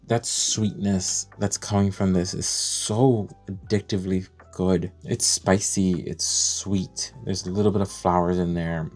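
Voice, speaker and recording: A man's voice: deep voice, a little mellow. Gushing man reviewing fragrances. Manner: enthusiastic, gushing, thinks aloud. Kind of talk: excited unboxing commentary.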